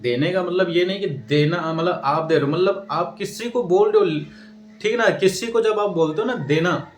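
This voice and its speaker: A man's voice: high voice, moderate pace, a little hiss or hum. A man teaching a language lesson in a classroom style, repeating himself and asking questions he then answers. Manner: repetitive, checks in with "ठीक है ना" often. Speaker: English teacher. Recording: roomy echo, mic set at a distance.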